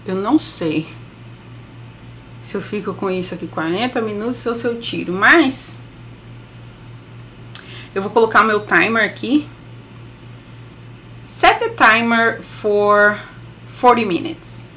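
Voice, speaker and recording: A woman's voice: medium pitch, slow, long pauses, sharp tone, a little hiss or hum. A middle-aged woman with a Brazilian Portuguese accent reviewing a beauty product in a casual, chatty way with laughing asides, speaking through a face mask. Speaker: beauty vlogger.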